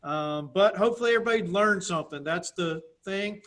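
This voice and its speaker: A man's voice: high voice, a little fast, fairly bright tone. A man moderating a group meeting, upbeat and informal as he thanks the panelists and calls on the next speaker. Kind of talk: casual meeting hosting.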